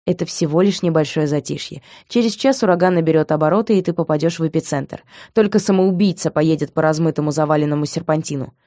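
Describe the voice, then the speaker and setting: Woman reader doing a domineering young man, slow and heavy, mellow and dry-voiced. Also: low-pitched, no room sound, close to an everyday voice. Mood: stern. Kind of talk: audiobook reading.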